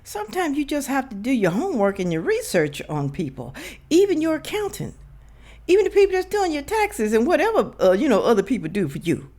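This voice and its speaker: A woman's voice: high voice, wildly swooping pitch, brisk, darkish tone. A woman gives blunt, emphatic, casual commentary to her viewers, repeating herself, her words slurred as if speaking without her dentures in. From United States. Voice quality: slurred, toothless speech from missing dentures. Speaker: reaction video host.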